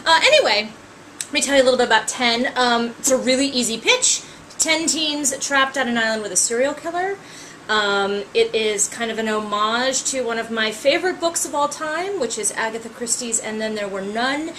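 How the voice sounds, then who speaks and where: Chatty woman author with a bright voice. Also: a little high, animated, normal speed, a little hiss or hum, low-quality recording. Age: 30s. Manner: chatty, frequent ums, wry asides. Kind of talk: casual talk to camera.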